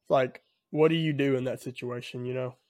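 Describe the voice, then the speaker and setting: A man co-hosting a casual podcast chat, speaking haltingly with many fillers. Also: mid-range voice, fairly even intonation, darkish tone, dry recording. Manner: halting, leans on fillers like "you know". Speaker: podcast co-host.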